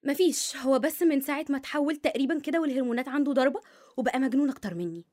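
Woman playing a fed-up young wife, Egyptian accent, high voice, very rapid speech. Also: darkish tone, lightly acted. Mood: exasperated. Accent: Egyptian Arabic. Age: 20s. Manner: complaining, dramatic. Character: young wife, dramatic and exasperated.

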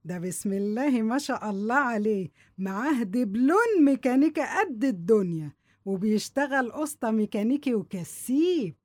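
A woman's voice: on the high side, lively intonation, normal speed, darkish tone, dry recording, studio quality. A woman with an Egyptian accent playing a domineering, greedy middle-aged aunt in a drama, nagging and scolding in colloquial speech. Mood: nagging, menacing. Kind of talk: dramatic dialogue.

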